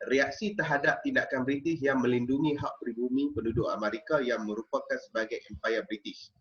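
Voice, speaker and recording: Teacher lecturing a class. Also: male voice, mid-range voice, steady tone, a little fast, a bit bright, muffled recording. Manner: explanatory, checks in with frequent "okey?" and "ha?". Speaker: history teacher.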